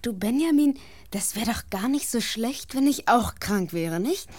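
A woman's voice: a little high, big pitch swings, normal speed, darkish tone, dry recording. A woman playing a loyal, caring young boy with schemes of his own in a children's audio drama, earnest and boyish. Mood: plotting.

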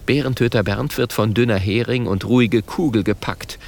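A man reading a children's story aloud with an expressive, animated delivery. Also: fairly low pitch, moderate pace, gravelly. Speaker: narrator. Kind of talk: storybook audiobook narration.

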